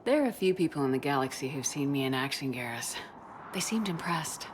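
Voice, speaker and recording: Female military commander for a game: very deep for a woman, tough, dryly humorous, noisy backdrop. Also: animated, fairly quick. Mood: confident. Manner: cool, dry, assured. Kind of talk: cinematic video game dialogue.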